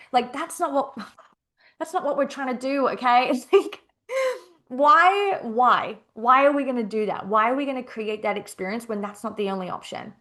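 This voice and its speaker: Emphatic, swearing woman podcast host. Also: a little high. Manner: emphatic and expressive, repeats phrases, swears freely. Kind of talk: casual solo podcast monologue.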